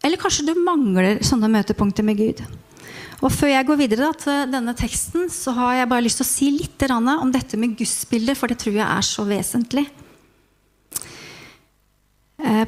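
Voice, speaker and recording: A woman preaching a sermon, moving from an expressive first-person retelling into calm, reflective teaching. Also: a little high.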